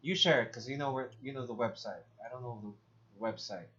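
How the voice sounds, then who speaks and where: A man's voice: medium pitch, a little fast, background noise. Laid-back swearing man, lo-fi sound. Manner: casual, swears, says "bro" and "dude". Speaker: podcast co-host. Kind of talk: casual chat. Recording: dull lo-fi sound.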